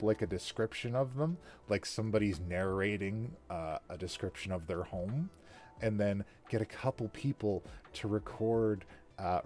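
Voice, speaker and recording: Animated man chatting with low voice. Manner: animated, laughs often, trailing restarts. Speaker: podcast host and worldbuilder. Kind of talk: casual chat.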